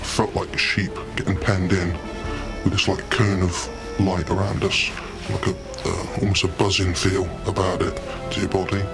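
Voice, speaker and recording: Man with a disguised, pitched-down voice. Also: level tone, over music. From Britain. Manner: halting, uneasy recollection with restarts. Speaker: former soldier recounting a sighting. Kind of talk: documentary interview.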